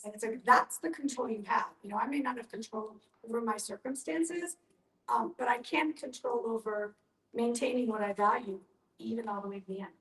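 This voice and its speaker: At a panel discussion on end-of-life planning, a woman makes her points earnestly and with emphasis. Her voice is a little high, a little fast and fairly bright, recorded from a distance with a roomy echo.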